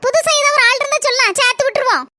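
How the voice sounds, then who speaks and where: A woman's voice: very high voice, very noisy. A woman with a southern Tamil accent voicing a sociable neighbourhood woman who runs a savings group, in a cartoon. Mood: chatty. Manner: chatty, brisk.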